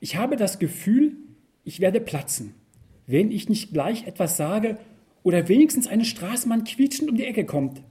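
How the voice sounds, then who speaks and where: A man reading a first-person story aloud with wry, expressive storytelling. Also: sits high, normal speed. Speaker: narrator.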